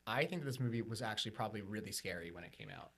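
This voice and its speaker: A man's voice: lowish voice, animated, racing, fairly bright tone. A man in his thirties co-hosting a podcast, talking in a loose, rambling way with lots of filler words. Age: 30s. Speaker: podcast co-host. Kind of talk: casual chat.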